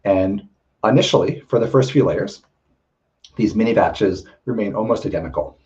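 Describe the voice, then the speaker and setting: Deep voiced guy giving a tech lecture, bit hoarse, lots of ums, muffled audio. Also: expressive, normal speed, warm tone. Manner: frequent ums and restarts, explanatory. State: slightly losing his voice. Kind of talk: technical lecture.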